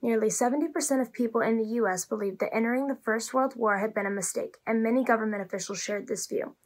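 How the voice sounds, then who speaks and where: A young woman narrating a student history video in a steady, read-aloud manner. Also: fairly high pitch. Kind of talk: scripted narration.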